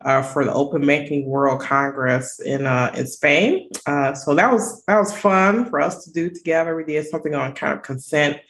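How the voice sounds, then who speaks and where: Low-voiced woman hosting a podcast. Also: moderate pace, hardly any pauses. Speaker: podcast host. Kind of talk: podcast interview introduction.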